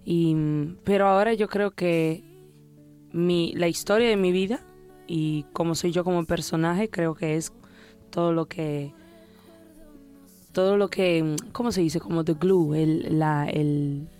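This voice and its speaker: A woman's voice: fairly low pitch, fairly even intonation, unhurried, mellow, soft background music. A woman in her twenties from the Dominican Republic, raised in Italy, chatting casually as a singer in an interview, laughing often and sometimes searching for words. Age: 20s.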